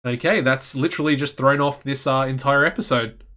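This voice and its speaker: An Australian man chatting casually as he plays a management game, thinking aloud and getting excitable. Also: mid-range voice, a little fast. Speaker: gaming channel host.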